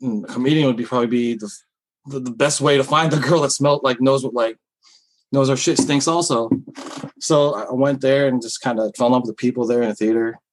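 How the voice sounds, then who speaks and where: A man's voice: mid-range voice, steady tone, a little fast, poor audio. A man who works as a comedian talks candidly in an interview, rambling with many fillers and restarts. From Philippines heritage. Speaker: comedian guest. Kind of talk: casual interview talk.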